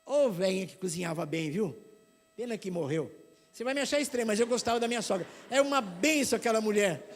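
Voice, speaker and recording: A middle-aged man with a São Paulo accent preaching a sermon, telling lively stories and acting out other people's voices. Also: sits high, quick pace, soft background music. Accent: paulista. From São Paulo, Brazil. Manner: animated storytelling, acts out voices.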